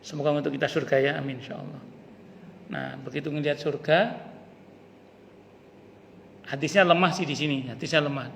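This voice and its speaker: A male ustaz with a fairly high, slightly bright voice speaks at a moderate pace with a steady tone, vocal fry, and long pauses. He gives a casual study-circle sermon in a mosque hall, telling stories in plain colloquial speech and acting out the quoted lines. The recording carries the hall's reverb and a faint hiss.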